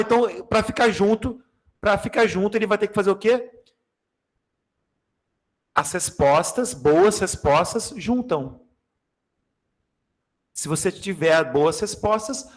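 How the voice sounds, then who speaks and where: A man from Brazil teaching Portuguese grammar in a lively exam-prep class, joking and talking straight to his students. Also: sits high. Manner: animated, jokey, addresses class directly.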